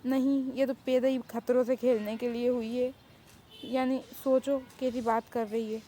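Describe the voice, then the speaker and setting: A woman's voice: a little high, level tone, measured pace, mellow, slight background noise, natural voice. A woman voicing an anxious young friend who keeps worrying about trouble. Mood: worried. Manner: anxious, fretful. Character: nervous worried young friend.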